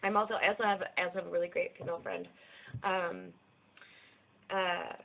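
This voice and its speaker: In a casual personal vlog monologue, a young woman from the United States talks candidly about her life, meandering, putting herself down, and cursing without restraint. She speaks fairly quickly in a fairly low, evenly pitched voice, over tinny lo-fi narrow-band audio.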